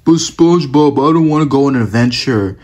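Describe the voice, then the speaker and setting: A man's voice: medium pitch, expressive, a little fast, darkish tone, natural voice. A man voicing a lazy, grumpy cartoon starfish who whines and sulks, in a homemade fan cartoon. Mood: sulky.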